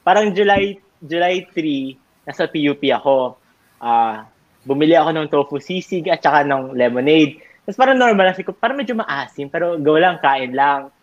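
In a casual chat, a young man spins meandering stories for his college friends, full of fillers and laughs. His slightly high voice has lively intonation at normal speed, captured on a dull, lo-fi recording.

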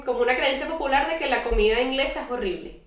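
Woman cohost chatting and reacting, kinda high voice, a bit off mic, echoey room. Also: distant mic. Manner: quick reactions and playful remarks. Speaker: podcast co-host. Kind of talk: casual chat.

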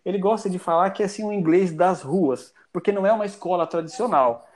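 Man, from Brazil, high voice, casual podcast chat, rambling, many restarts. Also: fast talker, darkish tone. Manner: chatty, rambling with frequent restarts. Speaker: podcast guest.

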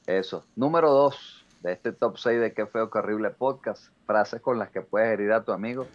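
A man's voice: lowish voice, normal speed. Joking man, slightly lo-fi. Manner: joking, laughs while talking, says "hermano" a lot. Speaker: podcast co-host. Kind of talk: casual comedic podcast chat. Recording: slightly dull lo-fi audio.

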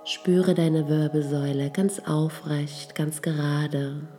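A woman leading a guided meditation, giving soft, calm instructions. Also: deep voice, slow pace, soft background music.

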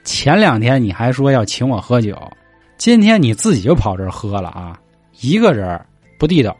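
A man voicing a gruff, hard-drinking male underworld judge who talks bluntly, swears and jokes like a drinking buddy. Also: mid-range voice, very animated, normal speed, darkish tone, dry recording, soft background music. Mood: jovial. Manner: blunt, swears, brotherly banter.

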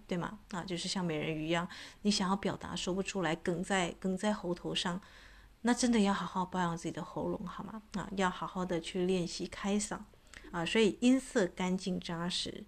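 A woman, a voice coach talking casually to her audience, chatty and full of filler particles. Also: mid-range voice. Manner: chatty, many filler particles, imitates cat meows. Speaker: voice and astrology coach.

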